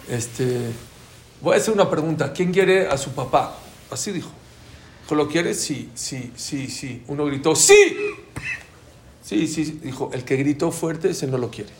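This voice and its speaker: Animated man teaching a class. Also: medium pitch, a little hiss or hum. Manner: animated, asks the audience questions. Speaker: Torah teacher. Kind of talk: Talmud class for a live audience. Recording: roomy room with faint ambience.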